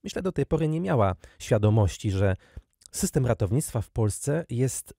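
A man's voice: mid-range voice, gravelly, husky, dry recording, studio quality. A man in his thirties from Poland, giving a prepared, lecture-style podcast talk and addressing the listeners directly. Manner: measured, addresses listeners directly, lively intonation. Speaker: university lecturer, podcast guest.

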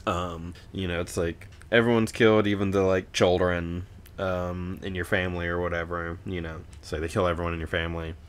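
Low-voiced man casually recapping a book. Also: little pitch movement, brisk, clear, resonant tone. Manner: rambling, profane, laughs while recapping. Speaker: podcast co-host.

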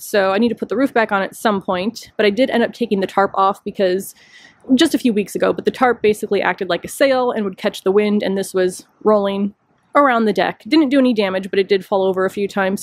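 A woman's voice: medium pitch, no room sound. Woman, casual garden vlogger, chatty and self-deprecating, dry outdoor sound on a handheld phone. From Chicago area. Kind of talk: casual walking tour narration. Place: outdoor rooftop deck. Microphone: handheld phone camera, speaker off screen.

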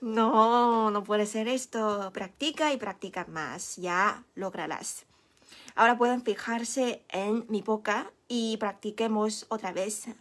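Slow, patient woman teaching Mandarin. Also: mid-range voice, fairly bright tone. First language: Chinese. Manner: slow, patient, encouraging, demonstrates sounds. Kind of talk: live online language lesson.

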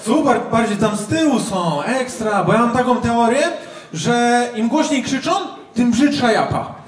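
A man doing a stand-up routine in front of a live crowd. He talks loudly and acts out shouted quotes. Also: extremely high pitch, expressive, measured pace. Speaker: stand-up comedian. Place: large comedy venue with live audience. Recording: echoey venue with audience noise.

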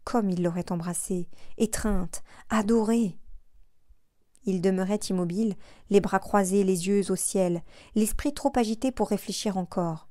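A woman narrating an audiobook in a measured, expressive reading. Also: mid-range voice, dry recording, clean studio sound. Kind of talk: scripted narration.

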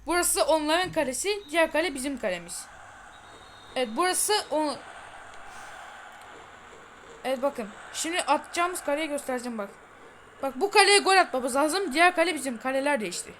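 A woman giving excited let's-play commentary on her football game, chatty, urging her players on and boasting to viewers. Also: high voice, normal speed, pauses often, slight background noise. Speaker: gaming channel host.

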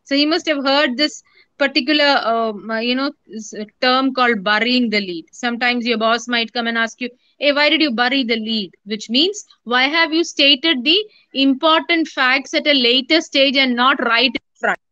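A woman with an Indian English accent teaching a journalism class online, explaining patiently, repeating her points and pausing with many fillers. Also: sits high, pushed and bright, no room sound, lo-fi sound.

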